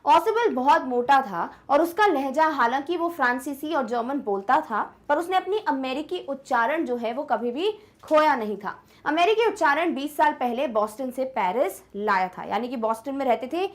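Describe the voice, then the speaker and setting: Brief: young female tutor, high-pitched, patient classroom explainer, often asks "clear?". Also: expressive. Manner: switches between slow English reading and fast Hindi explanation; asks checking questions like "clear?". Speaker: teacher. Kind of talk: Hindi-medium English lesson, explaining text.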